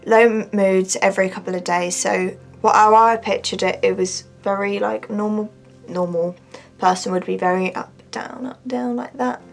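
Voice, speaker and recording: A young woman with a mid-pitched voice and noticeable vocal fry talks candidly in a personal vlog. She reads from her diary and explains it in an informal way, with music playing behind her. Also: little pitch movement, normal speed. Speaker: vlogger. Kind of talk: confessional vlog, reading own diary and commenting.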